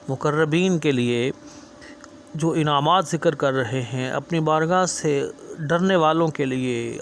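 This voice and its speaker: A man's voice: a little high, a little hiss or hum. A man explaining Quranic verses in an earnest sermon style, often repeating phrases for emphasis. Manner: melodic drawn-out chanting of verses, then earnest explanatory speech. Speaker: Quran teacher.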